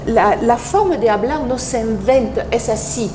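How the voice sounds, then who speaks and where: A woman from France speaking Spanish with a French accent, calmly explaining her work as an interview guest, with pauses and restarts. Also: a little high, echoey room, background noise. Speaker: guest, NLP practitioner. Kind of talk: interview conversation.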